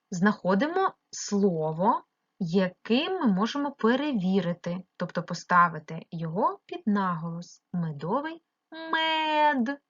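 A woman teacher from Ukraine giving a remote primary-school lesson, slowly drawing out words to mark their stress. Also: medium pitch, slightly rough, lo-fi sound. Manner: slow, drawn-out stressing of words.

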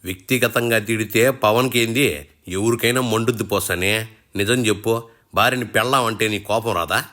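Satire host guy, low voice but sharp and bright, mocking in folksy talk. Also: fairly even intonation, normal speed. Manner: teasing, mocking, rustic colloquial. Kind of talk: mock interview banter.

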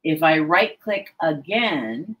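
A middle-aged woman, an embroidery software educator, walking through a tutorial in a chatty, self-deprecating way with frequent fillers. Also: low-pitched, lively intonation, slow, poor audio.

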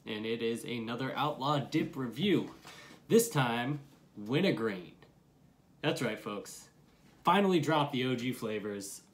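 A young adult man giving a casual product review to camera, with slangy talk and plenty of swearing. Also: lowish voice. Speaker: dip review vlogger. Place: small room at home, curtain behind.

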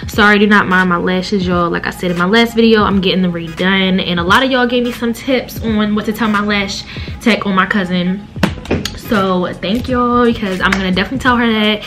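A young woman chats loosely to her viewers on a handheld camera, full of slang and asides. Her voice sits at an ordinary middle pitch. Music plays behind her. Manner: chatty, slangy, talks straight to viewers. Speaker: vlogger. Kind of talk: casual vlog chat. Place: car, then bedroom, then shopping mall.

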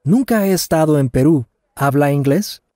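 A voice actor for language lesson dialogues takes the role of a polite, friendly Canadian traveler working on his Spanish, his fairly high, dark-toned voice lively and close to everyday speech. Each scripted phrase is carefully enunciated, said slowly and then at normal speed, in clean studio sound without echo.

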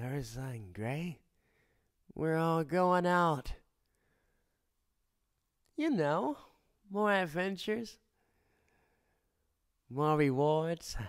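In an ASMR boyfriend roleplay, a man plays a cocky, teasing boyfriend who wields fire. He's playful and drops into close whispers. His voice is a little high and fully in character.

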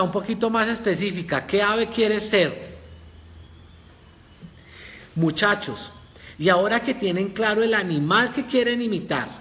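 A man teaching a live online communication class, calling out and reading viewers' comments in a lively way. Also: high-pitched, in a large hall. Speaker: communication course instructor.

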